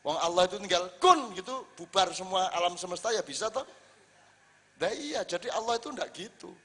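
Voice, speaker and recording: High-voiced preacher man in a reverberant hall. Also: brisk, slightly rough. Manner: lively, rhetorical questions, acts out quoted lines. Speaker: Islamic preacher. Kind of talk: religious talk to a live audience.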